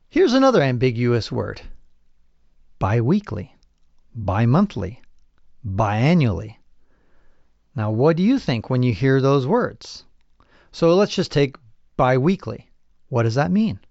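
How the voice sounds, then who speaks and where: Man, podcast host, casual opinionated talk, mid-pitched voice, dry lo-fi sound. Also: vocal fry, no room sound. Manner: animated, opinionated, quick asides and chuckles.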